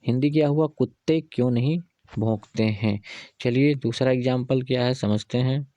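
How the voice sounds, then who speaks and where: A man's voice: medium pitch, steady tone, normal speed, dark tone, dry recording, dull audio. A man teaching English grammar, going through examples step by step and asking himself rhetorical questions.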